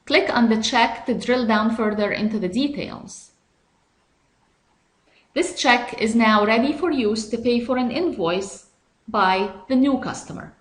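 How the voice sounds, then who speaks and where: Taking each step slowly, a woman guides listeners through a software tutorial in a fairly high voice. The delivery is measured and teacherly, while the room gives the recording a clear echo.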